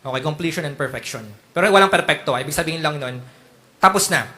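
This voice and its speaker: A man, preaching a sermon in a joking, animated way, acting out mock prayers and sometimes breaking into loud outbursts. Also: on the high side, quick pace. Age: 30s.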